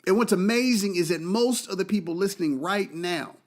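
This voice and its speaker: A man's voice: sits high, fairly quick. A man hosting a podcast, delivering an impassioned, profane monologue and repeating key phrases for emphasis. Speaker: podcast host.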